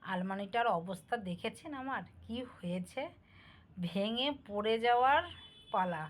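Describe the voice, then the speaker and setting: A woman's voice: medium pitch, unhurried. A middle-aged woman with Bangal family roots, chatting casually to viewers while she cooks at home. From Bangal family, East Bengal roots. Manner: homely, talks directly to viewers, asks for comments. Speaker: cooking vlogger.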